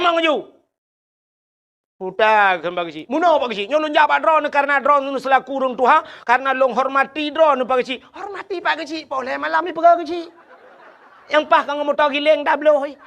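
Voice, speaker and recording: A man's voice: very high-pitched, vocal fry, sharp tone. A man preaching a humorous village sermon with an Acehnese accent, telling stories and acting out villagers' dialogue. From Aceh.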